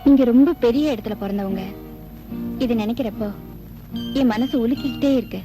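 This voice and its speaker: A young actress playing a shy, hesitant heroine in a Tamil film. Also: female voice, a little high, brisk, over music, close to an everyday voice. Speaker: heroine, shy village girl. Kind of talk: 1980s Tamil film acting.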